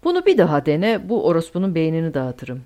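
A woman voicing a brutal male SS officer who barks his threats loudly, in an audiobook reading. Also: sits low, huge pitch swings, brisk. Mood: barking. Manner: loud, barking orders.

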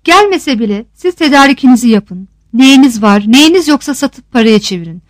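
A woman voicing a kind, sorrowful official who gently delivers bad news. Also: sits high, expressive, normal speed, no echo. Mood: regretful.

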